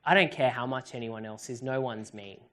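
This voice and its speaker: A woman's voice: very deep voice, brisk, a bit bright. A woman presenting at a live seminar and answering audience questions in an upbeat, chatty way. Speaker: workshop presenter. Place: event hall with audience.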